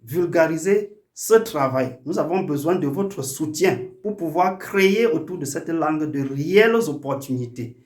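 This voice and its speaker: The speaker, a language activist hosting a YouTube channel, makes an earnest, formal and oratorical appeal to his community, though he hesitates a lot. His slightly high voice is animated and moves at normal speed, and the recording is reverberant.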